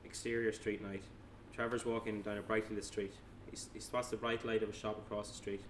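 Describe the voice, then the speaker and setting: At a table read, a man reads the stage directions in a plain, matter-of-fact, brisk way, his lowish voice staying very even in pitch. He is picked up from far away by the mic in a noisy, echoey room.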